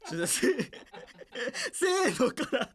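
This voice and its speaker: Playful Kansai comedian with lively pitch. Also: male voice, a little slow. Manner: playful, jokey storytelling, often laughing. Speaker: comedian and podcast host. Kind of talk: casual podcast chat.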